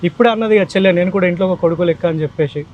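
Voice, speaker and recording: A charity vlogger, a man with a slightly higher voice. He speaks in casual chat, gently reassuring the people he meets and asking short questions. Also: racing, narrow, tinny audio.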